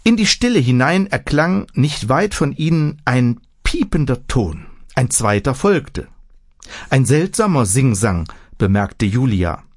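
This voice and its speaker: A man narrating a story aloud in a measured, expressive way. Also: medium pitch, dry recording, clean studio sound.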